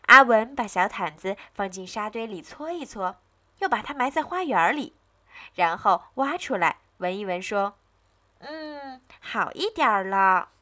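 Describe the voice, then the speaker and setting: Woman telling kids a bedtime story, sing-song, gentle, bright and lively. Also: medium pitch, moderate pace. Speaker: children's storyteller.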